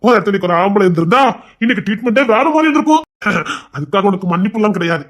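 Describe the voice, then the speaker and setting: A woman's voice: medium pitch, expressive, very fast, lightly acted. A woman acting a boastful, swaggering member of a rowdy family in a skit. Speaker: actor in a comedy skit.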